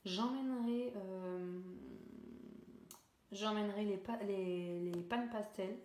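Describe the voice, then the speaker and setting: A woman's voice: mid-range voice, slow pace, darkish tone, a little hiss or hum. Young woman chatting while she colors, lots of euh and restarts, echoey room. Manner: rambling, many fillers and self-corrections, laughs at herself. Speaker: coloring YouTuber. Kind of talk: casual chat while coloring.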